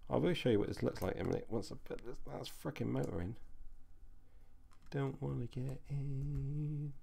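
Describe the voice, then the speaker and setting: A man's voice: medium pitch, animated, rapid-fire, creaky, warm tone, slightly rough. A man chatting casually on a live stream as he builds a racing drone, answering viewer questions while he works.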